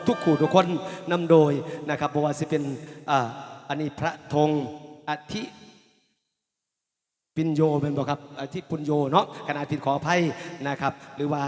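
A man's voice: a little high, fairly even intonation, moderate pace. A man with an Isan accent, a mor lam singer and emcee, drawing out sung verses and formally announcing donors at a night merit-making event. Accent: Isan (northeastern Thai). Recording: long reverb over a loud PA with band music.

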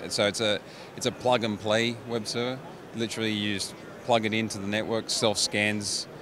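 A man's voice: lowish voice, level tone, normal speed. A middle-aged man, a company managing director, explaining his products into a handheld mic at a trade show booth, with frequent restarts. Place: busy exhibition hall booth. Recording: noisy trade show floor.

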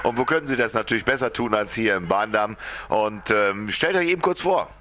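A man's voice: lowish voice, lively intonation, a little fast, sharp tone. A male host of a local TV talk show who interviews a band in a friendly way, asking short questions. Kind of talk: TV interview hosting. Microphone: handheld mic.

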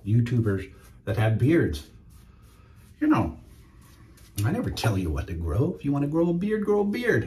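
Chatty middle-aged man mid-shave. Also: mid-range voice. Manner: relaxed, chatty, talks to viewers while shaving. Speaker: wet shaving YouTuber. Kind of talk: casual shaving demo chat. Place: home shave room, indoors.

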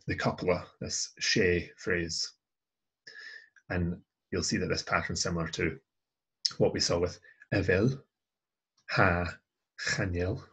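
Guy teaching grammar over slides, low husky gravelly voice, patient, lots of ums. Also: fairly bright tone. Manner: patient, methodical, with many "um" and restarts. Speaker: language tutor.

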